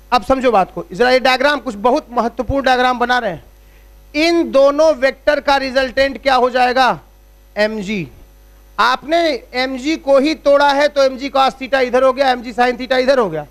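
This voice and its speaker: A man teaching physics as a classroom lecture at a board, explaining step by step and checking in with rhetorical questions. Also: very high-pitched. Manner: uses everyday analogies.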